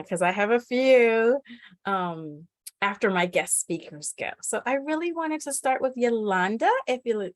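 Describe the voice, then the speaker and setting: A woman's voice: medium pitch, no room sound. A woman hosting a meeting in a conversational style, talking about her plans and introducing guests. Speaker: host.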